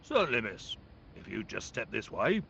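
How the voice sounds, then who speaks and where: A chatty British museum guard. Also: male voice, on the low side, normal speed, vocal fry, slight background noise, heavily acted. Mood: unbothered. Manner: lively, folksy, deferential. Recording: dull game audio with loud music.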